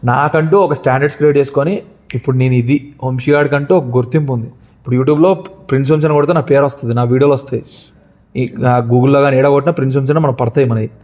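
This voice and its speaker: A man's voice: mid-range voice, steady tone, quick pace, a little mellow. A young man being interviewed, speaking earnestly and from the heart about love and his life. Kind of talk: emotional interview. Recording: dull lo-fi sound.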